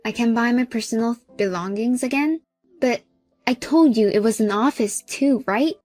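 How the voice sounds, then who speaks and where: A woman with a high voice tells a dramatized first-person story. She talks in a calm, firm and cool way, with no rush. Faint music sits behind her. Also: normal speed, no room sound. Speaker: narrator and homeowner in the story.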